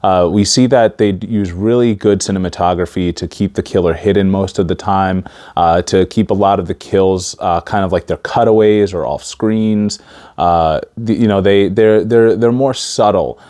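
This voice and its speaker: Male movie-review vlogger, lower register, casual and halting, stiff-mouthed after wisdom teeth surgery. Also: steady tone, warm tone. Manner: stiff-mouthed speech after wisdom teeth removal, limited facial mobility. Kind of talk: casual talk to camera.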